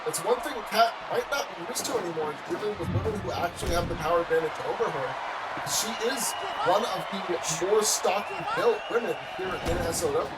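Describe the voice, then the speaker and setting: A man doing play-by-play wrestling commentary as an excitable wrestling commentator who calls out the moves. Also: sits high, a little fast, a loud crowd. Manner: excitable, calling moves with shouted exclamations. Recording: loud background noise behind voice.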